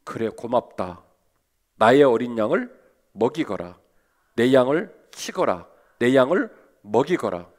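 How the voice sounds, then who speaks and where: A man voicing a gentle Lord who speaks softly and slowly to a disciple. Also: big pitch swings, smooth. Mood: tender. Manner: slow, soft, lowered voice.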